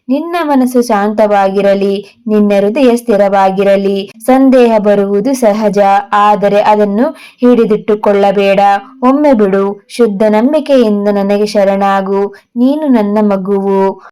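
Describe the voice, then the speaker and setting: Slow, mellow woman giving a devotional message. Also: medium pitch, clean tone, poor audio. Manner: gentle, soothing, repeatedly addresses the listener as child. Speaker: devotional tarot channel host. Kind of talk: devotional message in a divine first-person voice.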